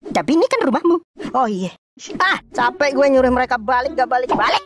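A woman, streaming and reacting to an animated comedy podcast, talking in lively, slangy, teasing banter with loud outbursts. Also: high-pitched, a little fast, noisy background. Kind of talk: playful comedic voicing of cartoon dialogue.

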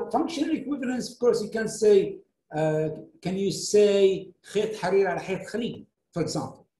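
A middle-aged man lectures in English, his first language Arabic, with a fairly high but mellow voice. He talks haltingly, stopping on fillers and restarting his sentences. The sound is roomy, with a clear echo around him. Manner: hesitant, many fillers and restarts. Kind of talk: academic lecture answering a question.

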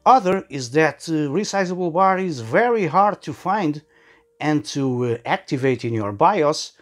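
A man giving casual sarcastic commentary as a tech YouTuber, halting often with fillers. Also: fairly high pitch, lively intonation, a bit bright, soft background music.

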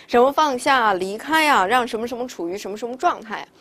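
A woman's voice: fairly high pitch, lively intonation, fairly quick, a bit bright. A woman teaching Spanish vocabulary in a recorded lesson, explaining step by step with many rhetorical questions.

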